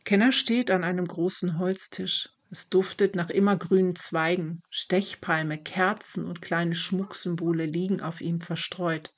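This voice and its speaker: A storyteller giving a calm, measured first-person narration of a fairy-tale story. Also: medium pitch.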